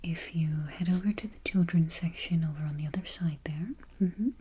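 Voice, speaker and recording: An ASMR performer whispers as a friendly, patient small-town librarian registering a patron. Her low voice is breathy and soft-spoken, gentle, unhurried, and reassuring, with murmured mm-hmms. The close recording is noisy, with keyboard clicking.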